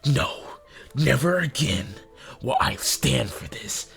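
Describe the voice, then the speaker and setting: A man putting on a mocking voice of a melodramatic, indignant mother who demands money, spoken slowly and theatrically. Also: mid-range voice, sing-song, creaky, fairly bright tone, faint music behind, voice pushed up, exaggerated voice. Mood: mock outrage.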